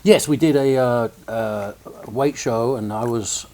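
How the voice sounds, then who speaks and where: A man's voice: medium pitch, slow, gravelly, a little mellow. A man in his fifties, a guest, chatting casually with nervous jokes. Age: 50s. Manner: nervous, joking. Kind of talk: casual chat.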